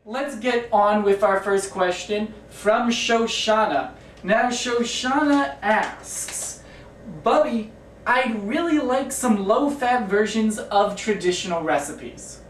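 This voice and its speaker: A woman co-hosting a cooking show, reading viewer questions in a brisk, announcer-like way. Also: medium pitch, faint music behind. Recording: echoey room, mic at a distance.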